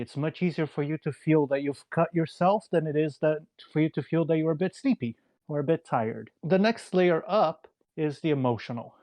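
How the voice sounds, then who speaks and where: Guy on a call explaining stuff slow and steady, dry close sound, mellow tone. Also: fairly high pitch, no echo. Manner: measured, lecturing. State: out of breath. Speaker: community member. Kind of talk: explanatory discussion. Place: remote call.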